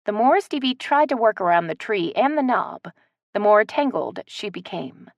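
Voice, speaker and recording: Woman narrator, audiobook, lively pitch, dry slightly dull recording. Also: gravelly, no room sound. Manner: expressive, measured. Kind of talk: scripted narration.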